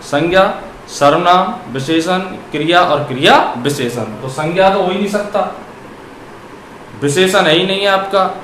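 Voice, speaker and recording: High-voiced man teaching grammar in an echoey room. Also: normal speed, a bit bright. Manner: asks questions and answers them himself; drags out words when dictating examples. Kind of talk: classroom grammar lesson. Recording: echoey room with faint noise.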